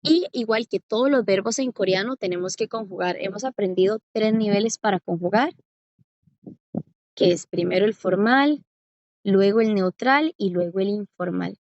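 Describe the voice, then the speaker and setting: A woman's voice: medium pitch, darkish tone, dry recording. A woman gives a patient classroom lesson, stretching out example words and often checking that her students follow. Her voice is close and dry. The sound is slightly muffled. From Costa Rica. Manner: patient, slows down to spell out examples with rising checks. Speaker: Korean language teacher.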